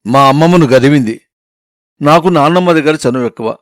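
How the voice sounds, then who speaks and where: A man narrating a first-person story in an expressive storytelling manner. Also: on the high side, brisk, dry recording, studio quality.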